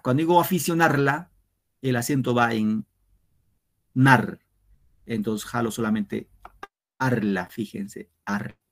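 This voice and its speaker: Slow-speaking male teacher. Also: medium pitch. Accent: Peruvian Spanish. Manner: slow, explains step by step to students. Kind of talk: online class lesson. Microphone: computer mic on a video lesson.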